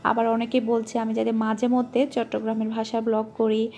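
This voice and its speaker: Cooking at home, a Bangladeshi woman narrates her vlog in a chatty, rambling, homely way, full of fillers. Her fairly high voice is mellow and monotone, at a normal speed.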